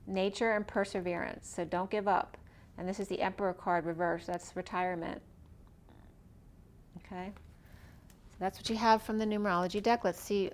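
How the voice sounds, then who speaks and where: A woman giving a casual tarot reading, talking through each card as she draws it while losing her voice. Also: medium pitch. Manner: chatty, thinking aloud while drawing cards.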